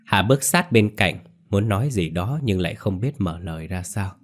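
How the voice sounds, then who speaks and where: Deep voiced guy reading a ghost story, slow solemn delivery. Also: lively intonation.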